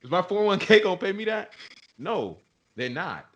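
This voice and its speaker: A man's voice: sits high, very animated, normal speed, a bit bright, highs cut off. Fired-up young man ranting on a podcast. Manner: emphatic, ranting, says "bro" often. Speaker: podcast co-host. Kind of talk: passionate podcast rant.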